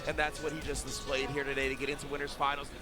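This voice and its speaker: A man co-commentating a fighting game watch party, quick to agree and laughing often. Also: mid-range voice, monotone, over music.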